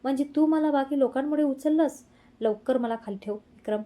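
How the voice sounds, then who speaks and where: A woman voicing a shy young wife who is quickly flustered and pouting, in a mellow, fairly high voice. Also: natural voice. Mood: indignant.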